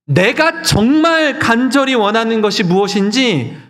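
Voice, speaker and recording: A man's voice: extremely high pitch, unhurried, fairly bright tone. A male pastor preaching a sermon earnestly, putting rhetorical questions to his congregation.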